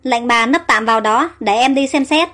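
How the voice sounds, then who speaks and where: A woman's voice: a little high, normal speed, fairly bright tone. A woman voicing a timid, loyal young maid who speaks anxiously and deferentially, over faint music.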